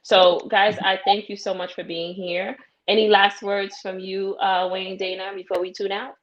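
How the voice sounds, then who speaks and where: A woman hosting a casual panel chat, encouraging and quick to laugh. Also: mid-range voice, little pitch movement, lo-fi sound. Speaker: host.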